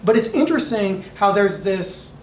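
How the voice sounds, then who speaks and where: A man's voice: sits high, lively intonation, moderate pace. Earnest American man in an echoey room. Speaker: discussion moderator, educator. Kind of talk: thoughtful unscripted discussion. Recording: echoey room, distant mic, faint noise.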